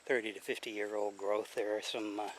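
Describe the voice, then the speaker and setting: A man with an American accent, vlogging outdoors in the woods in a halting, casual way, out of breath after a long bike ride. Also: fairly low pitch, level tone, slight background noise, poor audio. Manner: halting, with many fillers. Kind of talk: casual outdoor vlog talk.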